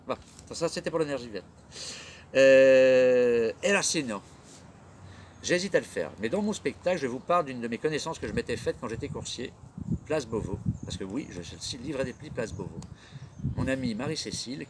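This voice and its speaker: A man's voice: medium pitch, noisy background. A middle-aged man hosting his own comedy web show, rambling through a theatrical monologue full of rhetorical questions. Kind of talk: casual monologue.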